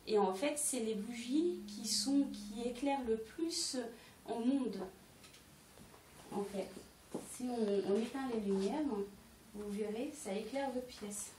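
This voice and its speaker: Her voice fairly high and a little mellow, a woman takes her time selling candles at a home party, walking guests through each product with frequent hesitations. A distant mic records her in an echoey room, with faint noise present.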